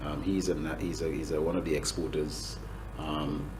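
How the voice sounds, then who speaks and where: Deep-voiced Grenadian official, halting. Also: male voice, little pitch movement, noisy background. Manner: hesitant, many restarts and fillers. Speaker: government agriculture official. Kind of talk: interview answers.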